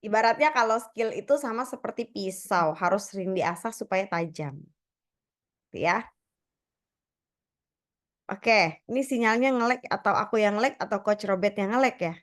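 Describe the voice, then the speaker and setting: A woman's voice: medium pitch, normal speed, long pauses. A woman moderating a casual online Q&A, reading audience questions and summing up the answers in a friendly, chatty way. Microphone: video call.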